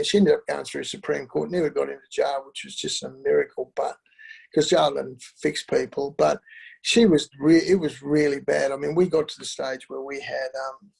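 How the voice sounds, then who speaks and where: A middle-aged man telling his family story in an interview, halting and candid, with many fillers and restarts. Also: fairly high pitch, vocal fry, a little mellow, slightly rough, low-quality recording. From Australia. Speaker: interview guest.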